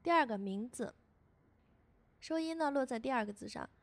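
A language teacher with a somewhat high, animated voice narrates a scripted beginner lesson, repeating each syllable slowly and patiently so learners can keep up. The recording is close and dry, with no echo or room sound.

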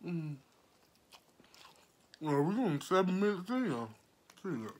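A man's voice: high-pitched, very animated, takes it slowly. A man chatting casually to viewers with his mouth full while eating. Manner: laid-back, addresses viewers as y'all. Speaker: mukbang vlogger.

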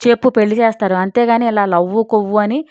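A woman's voice: medium pitch, steady tone, fast talker, a little mellow, dry recording, natural voice. Arrogant young college guy, harsh and contemptuous, read by a woman storyteller; dry, dull recording. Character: arrogant hot-tempered young male college student.

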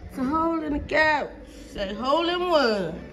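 Over background music, a young stay-at-home mom chats casually into her phone camera, held at arm's length, in her apartment living room for a clean-with-me vlog. Her voice is high-pitched and animated, moving at a moderate pace as she rambles along with plenty of "um" and "like."

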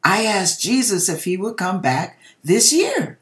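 A middle-aged American woman reads dream stories from her viewers in a home kitchen, using a sing-song, mid-range voice at a measured pace. She addresses them directly, dramatic and emphatic, stretching her words out.

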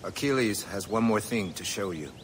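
A man's voice: lowish voice, lively intonation, slight background noise, lightly acted. Man playing a solemn frontier hunting teacher. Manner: solemn, measured. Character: serious male frontier hunting instructor.

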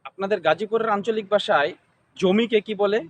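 A man's voice: high voice, a little fast, lo-fi sound. A man interviewing, asking the same kind of question over and over. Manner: repetitive, formulaic questioning.

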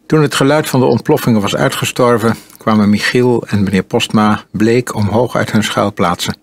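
A man narrating an audiobook in a calm, measured storytelling manner. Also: on the low side, dry recording. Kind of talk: audiobook reading.

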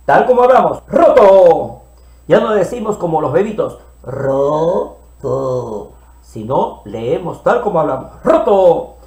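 A man teaching children to read, playfully sounding out syllables slowly and repeating them. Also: sits high, sing-song, darkish tone, echoey room. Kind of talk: early reading lesson for children.

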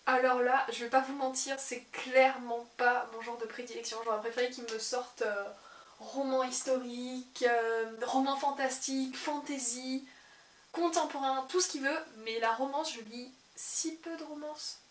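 A woman's voice: high-pitched, fairly even intonation, normal speed. A young adult woman who runs a book channel, chatting casually and laughing often as she works through online quizzes. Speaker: book vlogger. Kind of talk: casual chat while taking online quizzes. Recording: echoey room with faint hiss.

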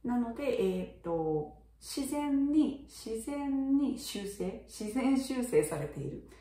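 A middle-aged woman teaching in a casual video lesson, chatting with many fillers and sounding out words slowly to show them. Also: on the high side, expressive, warm tone, echoey room, far from the mic. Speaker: English teacher for young children.

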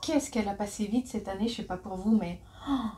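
A woman's voice: medium pitch, a little fast, mellow, slight background noise. Chatty, giggly Frenchwoman in her forties. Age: 40s. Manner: chatty, giggly, self-mocking asides. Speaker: vlogger. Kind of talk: casual shopping haul vlog. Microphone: phone camera.

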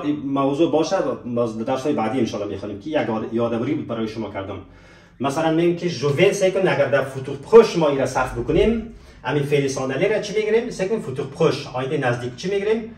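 A man teaching a French lesson, slowing right down on example phrases and asking students to repeat them. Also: mid-range voice, distant mic. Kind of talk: spoken language lesson with slow example phrases. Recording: roomy echo, voice from off the mic.

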